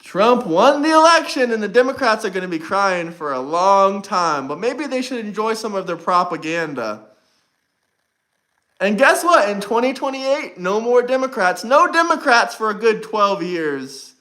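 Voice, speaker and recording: Brash high-voiced male livestream host. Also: sing-song, moderate pace, a bit bright. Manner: brash, repetitive, talks straight to chat. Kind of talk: casual livestream chat.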